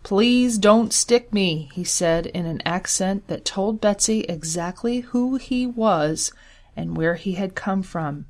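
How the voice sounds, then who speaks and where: A woman reading a story aloud in a measured way, slowing on key details. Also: on the low side, a little mellow. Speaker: story reader. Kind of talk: scripted story narration.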